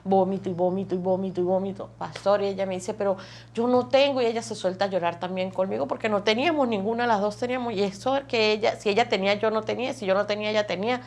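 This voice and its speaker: A woman's voice: medium pitch, fairly even intonation, fast, hardly any pauses. A woman gives an emotional personal testimony. She tells her story vividly, stacking phrase on phrase and repeating words for emphasis. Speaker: testimony guest.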